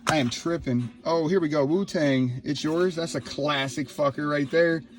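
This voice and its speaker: A man in his thirties, from Ohio, filming a casual vlog in his laundry room on a handheld phone, excited and rambling. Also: a little high, moderate pace. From Ohio, USA. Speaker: YouTuber. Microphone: handheld phone, no tripod.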